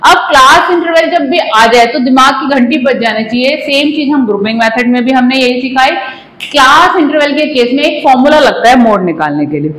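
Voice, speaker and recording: A woman's voice: sits high, animated, brisk, a bit bright. A woman in her forties explaining a maths lesson at a whiteboard, mixing in English phrases and addressing students politely. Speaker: commerce teacher. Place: classroom in front of a whiteboard. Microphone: lapel mic. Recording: echoey classroom.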